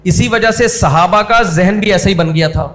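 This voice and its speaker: A man's voice: sits high, a bit bright. A man preaching in a conversational, humorous style, acting out scolding voices to make his points. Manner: humorous, mixes in everyday English words. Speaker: Islamic preacher. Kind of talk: conversational sermon.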